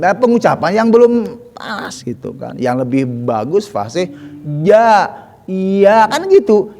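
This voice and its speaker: A man teaching Quran recitation in a relaxed way. He drills Arabic letter sounds, repeating them slowly and correcting them with chatty asides. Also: fairly high pitch, big-room sound.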